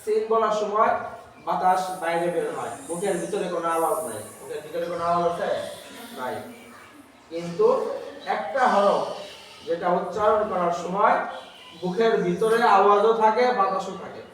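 A woman teaching a Quran recitation class, asking questions over and over and pushing the pupils to answer louder. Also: fairly low pitch, normal speed, long pauses. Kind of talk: call-and-response class drilling. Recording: echoey hall recorded from far off, noisy.

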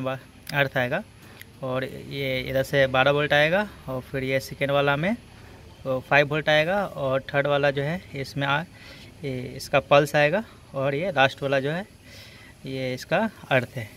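A man with a bright, forceful voice on the high side walks viewers through a repair as an auto electrician and video host. His style is informal and hands-on, step by step, peppered with short check-in tags. He's at the engine bay, in and beside the car, and the handheld workshop recording is noisy with engine sound.

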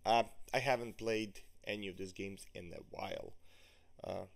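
A man's voice: lowish voice, steady tone, moderate pace, vocal fry, a little hiss or hum. A man hosting a gaming channel, sounding sleepy and giving rambling, casual let's-play commentary. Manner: rambling, with many fillers.

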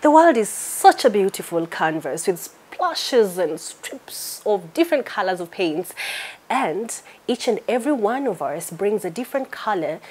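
A woman from Kenya hosting a studio television interview, asking questions in an expressive, lively way. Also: mid-range voice, a little slow, breathy edge. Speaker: talk show host. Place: TV studio set.

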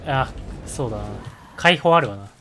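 A man's voice: mid-range voice, expressive, normal speed, music in the background. A man with a Sanuki dialect accent doing live gameplay commentary as a streamer, joking and muttering asides to himself. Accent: Sanuki dialect of Japanese. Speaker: game streamer.

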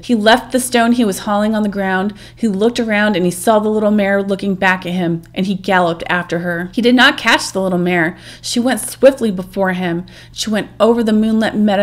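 Woman reading a myth aloud. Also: medium pitch. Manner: steady reading, then chatty and informal. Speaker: storyteller and channel host. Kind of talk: myth read-aloud, then casual vlog chat.

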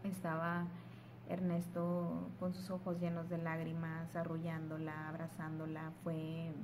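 A young woman, casually telling her vlog audience about giving birth, with emotional, animated retelling and quoted dialogue. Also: low voice, a little slow, background noise. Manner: soft, hushed voice while holding her sleeping baby. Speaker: vlogger. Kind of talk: casual storytelling to camera.

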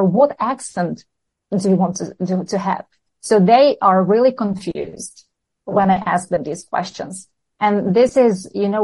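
A woman's voice: mid-range voice, a little mellow, husky, low-quality recording. A woman from Serbia who speaks English as a second language, an English teacher explaining her views earnestly in a podcast interview.

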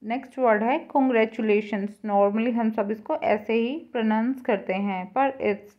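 Slow, careful woman teaching pronunciation. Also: on the high side, lo-fi sound. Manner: drawn-out repeated word drills. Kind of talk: slow tutorial lesson.

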